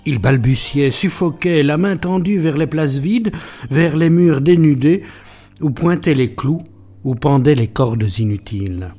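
A man narrating a French classic story in a measured, theatrical reading. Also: fairly high pitch, lively intonation, dark tone, soft background music. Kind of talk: scripted audiobook narration.

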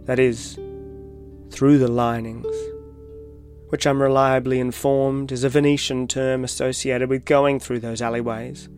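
A man reading his own reflective, literary personal essay as scripted narration, in a measured way. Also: medium pitch. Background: soft guitar music.

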